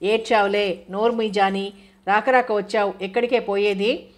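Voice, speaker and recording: A woman's voice: medium pitch, steady tone, moderate pace, natural voice. Woman reading a young wife scolding fondly. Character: fond young wife, scolding her friend.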